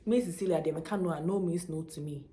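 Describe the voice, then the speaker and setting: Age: young adult. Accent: Ghanaian. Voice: a woman with a fairly low pitch. Style: animated storytelling vlog, emphatic and blunt. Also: quick pace. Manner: emphatic, animated storytelling with local slang mixed in. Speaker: vlogger. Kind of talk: casual storytelling to camera.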